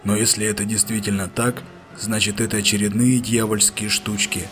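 A man's voice: on the low side, level tone, normal speed, a bit bright, soft background music, natural voice. A man playing a terse ship's second mate. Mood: curt. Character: frightened, cool-headed male ship's second mate.

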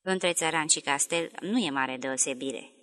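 A woman's voice: low-pitched, a bit bright. A woman reading the lines of a short, stiff young male village schoolteacher in an audiobook, curt and guarded.

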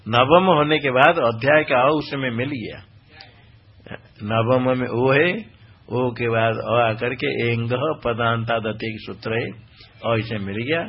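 A man's voice: medium pitch, slow, husky. A male spiritual teacher explaining scripture recitation. He is exacting, corrects pronunciation point by point and quizzes his listeners. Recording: dull lo-fi recording.

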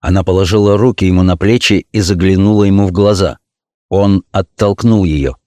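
A man's voice: low voice, brisk, mellow, dry recording, studio quality. Man narrating a classic novel. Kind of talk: scripted narration.

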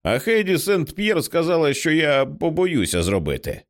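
A man voicing a frightened little girl stuck in stair railings, shrill and tearful. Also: wildly swooping pitch, normal speed. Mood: defensive.

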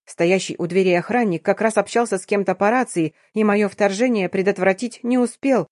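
Brief: female audiobook narrator, even mid-range voice, dry booth sound. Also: mid-range voice, fairly quick, dry recording. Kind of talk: first-person audiobook narration.

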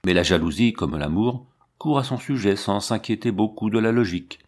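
Guy reading an old novel out loud, kinda low voice, steady. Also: moderate pace. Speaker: audiobook reader. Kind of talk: scripted literary narration.

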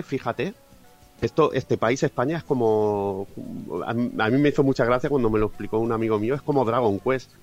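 A man from Catalonia, Spain, speaks with a fairly neutral Spanish accent and a mid-range voice as a guest in a casual podcast interview. He's chatty, uses fillers, and keeps restarting his phrases. The sound is lo-fi.

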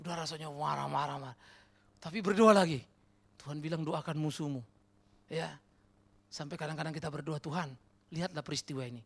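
A man delivers a sermon as pastor in a church, talking fairly quickly in a creaky, fairly high-pitched voice broken by long pauses. He's animated and conversational, questioning the congregation directly and weaving in casual slang and English words.

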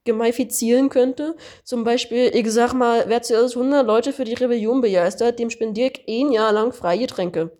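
A woman's voice: a little high, moderate pace, few pauses, dark tone, pitched above the performer's own voice, lightly acted. A woman reading the lines of an impulsive female bar owner who stumbles and backtracks. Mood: eager.

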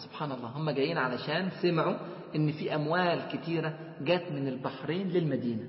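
Egyptian preacher guy, quick and a bit high-voiced, lots of rhetorical questions, roomy hall sound. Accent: Egyptian Arabic. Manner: rhetorical questions, swings between soft and emphatic. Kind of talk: religious lecture. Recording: echoey hall, dull lo-fi sound.

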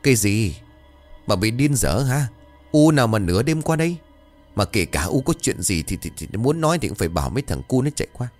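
A man's voice: lowish voice, very animated, a little fast, soft background music. A man voicing an irritable elderly husband who scolds his wife and refuses to believe her. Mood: scolding. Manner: scolding, incredulous.

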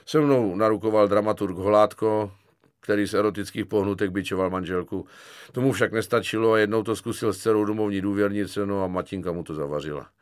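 A calm, ironic young conscript, read by a man who speaks slowly and deliberately. His voice is fairly low and unhurried. The recording is dry and close. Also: smooth, no echo, natural voice.

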